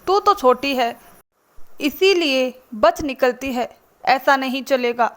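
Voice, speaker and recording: Harried older sister-in-law read by a woman, snappy and defensive, slow, high voice. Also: animated. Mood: irritated. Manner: irritable, defensive. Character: elder daughter-in-law, harried and irritable.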